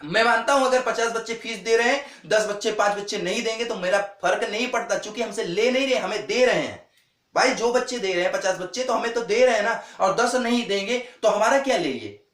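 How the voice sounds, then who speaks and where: A male teacher with a high voice gives an earnest exam-prep lecture. He repeats the key points and keeps calling his viewers friends. The sound is echoey, as if he were recorded in a bare room. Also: animated, a little fast, a bit bright.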